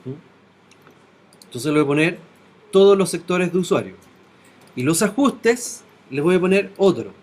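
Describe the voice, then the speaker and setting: A man's voice: high-pitched, very animated, unhurried, long pauses, darkish tone. A man teaching web design in a classroom. He walks through each step and keeps checking that his students follow. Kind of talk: classroom software tutorial.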